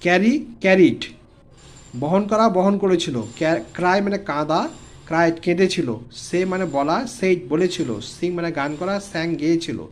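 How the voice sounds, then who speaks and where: Higher-voiced man teaching English words. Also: moderate pace. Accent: Bengali. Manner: explains word by word, repeating terms and translating. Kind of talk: online English lesson for children.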